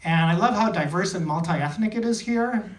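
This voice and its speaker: In a small comedy theater, a high-pitched man from India speaks at normal speed through a stand-up routine of short, dry, self-deprecating phrases. The echoey club recording comes from a distant mic and carries loud noise.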